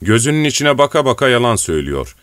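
A man's voice: medium pitch, very animated, fast, fairly bright tone, no room sound, voice pushed up. Male reader doing a vicious old rebel elder, spiteful and accusing, dry read. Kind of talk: audiobook reading.

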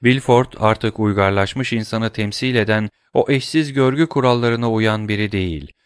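A man reading a dramatic novel aloud in a measured, steady storytelling manner. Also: lowish voice, clear, resonant tone, no echo. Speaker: audiobook narrator.

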